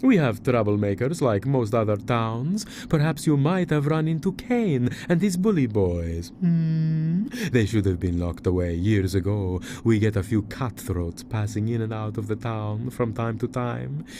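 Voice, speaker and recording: Frail old Wild West barber, slow, servile, nervous, hesitant hums, video game character, background noise. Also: male voice, medium pitch, animated. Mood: reverent, suspicious. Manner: obsequious, hesitant, muttering hums, theatrical.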